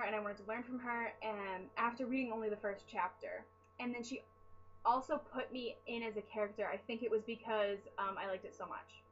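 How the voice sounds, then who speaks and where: A woman's voice: fairly high pitch, fairly bright tone, highs cut off. Chatty rambling young woman, tired. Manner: chatty, rambling, self-deprecating. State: sleep-deprived. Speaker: vlogger answering fan questions. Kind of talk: casual chat.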